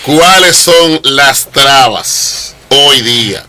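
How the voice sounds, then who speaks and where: Male host, teasing and playful, very bright, animated delivery. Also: mid-range voice, drawn-out words. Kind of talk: joking casual talk.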